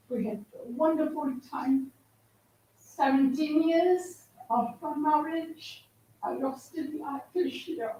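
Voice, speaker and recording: A woman's voice: high voice, mellow. A woman in her sixties telling her life story in a heartfelt, emotional speech at an event. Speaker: event speaker. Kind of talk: personal testimony speech. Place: university studio hall. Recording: echoey hall from far off.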